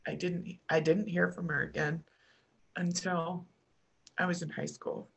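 A middle-aged American woman telling a personal story as a podcast guest, halting and restarting often with soft trailing pauses. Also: on the low side, level tone, gravelly, slightly rough. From United States.

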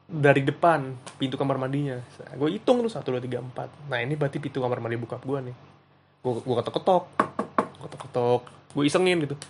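A young man hosts a podcast, telling funny stories in a casual, slangy way and laughing at himself. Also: medium pitch. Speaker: podcast host. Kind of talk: casual solo storytelling.

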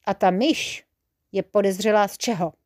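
A woman's voice: medium pitch, steady tone, darkish tone, lightly acted. A sleepy male helper creature from a children's storybook, voiced by a woman reading aloud, grumbles and sounds puzzled. His tone stays dry and unimpressed. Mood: grumbly.

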